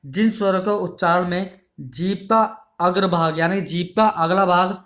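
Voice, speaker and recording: A male teacher with a high-sitting, steady, slightly bright voice speaks a little slowly in an online exam-prep lesson. He explains patiently, repeats key terms, asks the class questions, and ends phrases with "ठीक है" checks.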